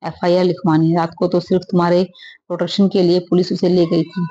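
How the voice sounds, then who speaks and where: A woman's voice: lowish voice, level tone, brisk, warm tone, lo-fi sound, a little hiss or hum, lightly acted. A woman voicing a caring father in a read-aloud story, giving firm, reassuring instructions. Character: caring father of a grown daughter.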